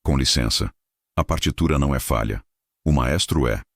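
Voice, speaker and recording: A man voicing a calm, wise male street violinist. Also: rumbling low, normal speed, no echo, studio quality. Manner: calm, quiet.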